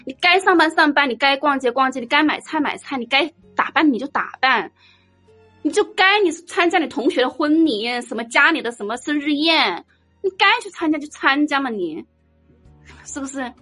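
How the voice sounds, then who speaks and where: A woman giving an informal dharma talk as a Buddhist teacher, blunt and teasing, telling lively stories. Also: high voice, normal speed, soft background music. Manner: blunt, teasing, animated storytelling.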